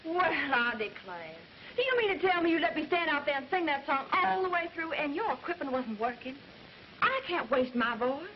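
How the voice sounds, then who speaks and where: A woman's voice: high voice, animated, normal speed, a little hiss or hum. An actress playing a vain, scheming young woman singer with a Southern American accent, in a 1940s film. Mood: indignant. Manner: indignant, theatrical. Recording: dull 1940s film soundtrack.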